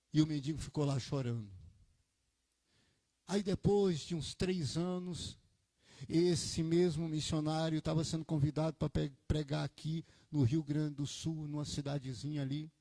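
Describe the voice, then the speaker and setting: A man preaches in a lively storytelling manner. He drops into quiet asides and then climbs to loud, emphatic peaks. The sound is dry and close, with little room echo. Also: a little high, moderate pace. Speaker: pastor. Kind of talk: sermon with storytelling. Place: church.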